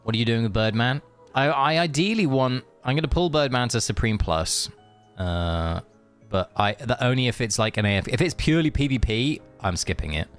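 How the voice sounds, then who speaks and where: A man rambles casually on a game livestream, reading chat aloud and answering viewers while he plays. His medium-pitched voice is expressive and brisk, with hardly any pauses, and faint music plays behind him.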